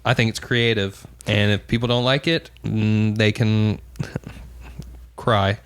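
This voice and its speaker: A young man co-hosting a podcast, telling stories and giving opinions in a relaxed, casual way. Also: fairly low pitch, takes it slowly, clear, resonant tone. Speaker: podcast co-host. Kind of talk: casual chat.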